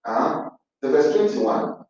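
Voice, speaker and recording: A man preaching a sermon in an animated way, acting out the pleas and retorts he quotes. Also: fairly high pitch, takes it slowly. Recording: echoey, dull sound from a distant mic.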